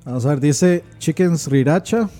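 A man's voice: fairly high pitch, moderate pace, warm tone, soft background music. A man co-hosting a podcast, reading items aloud and joking dryly. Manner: reads menu items aloud, dry joking. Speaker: podcast co-host. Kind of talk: casual chat.

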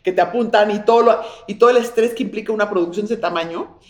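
A woman's voice: mid-range voice, fast talker, darkish tone, roomy sound, lo-fi sound. A woman with a Mexican accent, a guest chatting effusively and reflectively in an interview, often restarting her sentences. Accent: Mexican Spanish. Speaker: guest, businesswoman and author. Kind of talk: casual interview chat.

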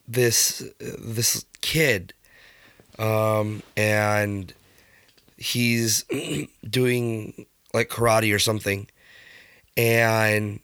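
A man co-hosting a podcast, telling a story in casual chat, with a halting, hesitant delivery full of fillers. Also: fairly low pitch, pushed and bright, clean tone, no echo, studio quality. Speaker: podcast co-host.

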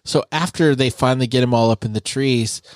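A man co-hosting a podcast, chatting casually about an anime episode and quickly acting out the characters' lines. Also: medium pitch, no echo, studio quality. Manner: relaxed, acts out characters' lines in quick impressions. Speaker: podcast co-host.

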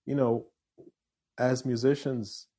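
A Canadian man in his forties with a fairly neutral accent, a musician talking in a relaxed interview, restarting phrases as he thinks. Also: mid-range voice, slow pace, slightly rough. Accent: fairly neutral Canadian English. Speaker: musician and voiceover artist guest. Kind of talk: casual interview chat.

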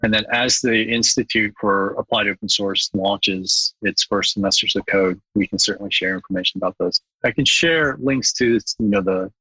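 A man's voice: lowish voice, moderate pace, hardly any pauses, sharp tone, slightly rough, no echo, low-quality recording. A middle-aged man from Bangladesh, a guest in a podcast interview, speaking earnestly and thoughtfully with frequent restarts.

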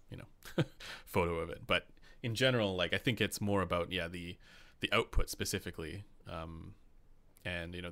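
A Canadian man with a very low, gravelly voice chats casually on a live stream. His tone is bright and forward. He rambles, restarts, and fills pauses with ums while reading viewer questions. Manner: rambling, many fillers and restarts, reads chat questions aloud. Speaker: host.

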